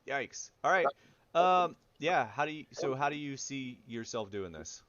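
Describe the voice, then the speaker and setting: A man improvising narration as game master of a tabletop game, in a halting manner. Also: mid-range voice, animated, muffled recording, a crowd in the background.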